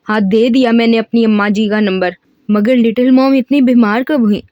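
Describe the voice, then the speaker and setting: A cheeky, scheming young man of twenty-five, as a woman reads him aloud in a storybook audiobook, bragging about his pranks with a joking swagger. The voice sits fairly high and the recording is dry and close. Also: fairly even intonation, a little mellow, dry recording, lightly acted. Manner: boastful, joking, rapid storytelling. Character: cheeky 25-year-old male student, mischievous. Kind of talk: audiobook reading of a novel.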